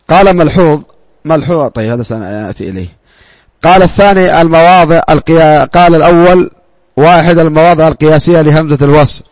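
A man's voice: fairly high pitch, no echo. A man teaching a class, who asks his students questions, answers them himself and repeats words for emphasis. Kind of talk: classroom grammar lesson.

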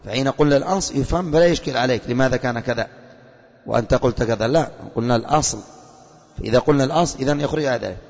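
A man teaching at a fast clip. He fires quick questions at his students and calls them by name. The sound is muffled, with a long hall echo. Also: mid-range voice, a little mellow. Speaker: teacher of a religious lesson.

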